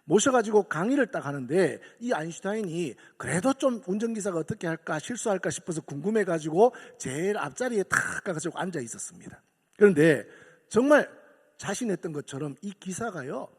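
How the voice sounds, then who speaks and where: A man preaching with a Gyeongsang accent, his voice pitched high for a man and swinging widely as he tells a story and then presses his point on the congregation. The sound carries a long church-hall reverb. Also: a little fast, breathy edge. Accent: Gyeongsang Korean. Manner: animated storytelling building to emphatic exhortation. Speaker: pastor. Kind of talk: sermon. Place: church sanctuary.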